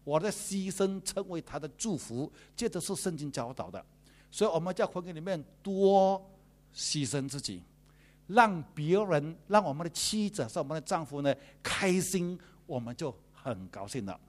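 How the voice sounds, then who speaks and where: A man, a pastor preaching a sermon in a lively, joking way. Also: a little high, normal speed.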